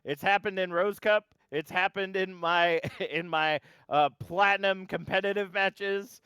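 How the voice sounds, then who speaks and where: A man casting a live esports match, chatty and relaxed, with frequent fillers and restarts. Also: sits high, a little slow, smooth, no room sound, low-quality recording. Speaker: esports caster. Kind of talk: live play-by-play commentary.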